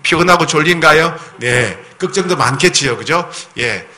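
A man preaching a sermon as pastor. He keeps asking the congregation questions, reads scripture slowly and solemnly, and acts out the voices in the story. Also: on the high side. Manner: animated, often asks the congregation questions; slow, solemn scripture reading.

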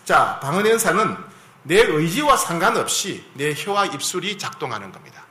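A man's voice: fairly high pitch, sing-song, normal speed, pushed and bright, roomy sound. A man preaching a sermon as a pastor in a conversational style, often asking the congregation for agreement.

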